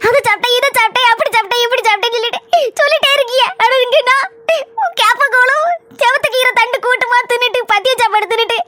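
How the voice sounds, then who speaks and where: A woman voicing a vain sharp-tongued young wife. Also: very high-pitched, fast talker, dry recording. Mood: whiny. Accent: Kanyakumari Tamil. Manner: sharp-tongued, scornful, whiny. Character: vain pregnant young wife proud of gold chain. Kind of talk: comic cartoon voice acting.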